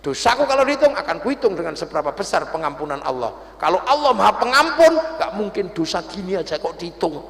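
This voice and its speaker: A man's voice: high-pitched, sing-song, fast talker, creaky, few pauses, roomy sound, big-room sound, pitched below the performer's own voice, heavily acted. A preacher voicing a simple, devout village man who pleads with tears in his voice. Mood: insistent. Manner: emotional, tearful pleading.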